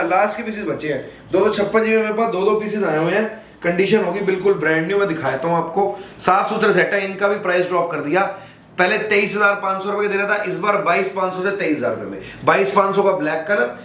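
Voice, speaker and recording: A young man with a Delhi Hindi accent selling phones in a small shop, calling out prices in brisk, repeated sales pitches. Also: a bit bright. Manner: brisk, repetitive price calls. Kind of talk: sales pitch showing products. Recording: echoey room, faint background noise.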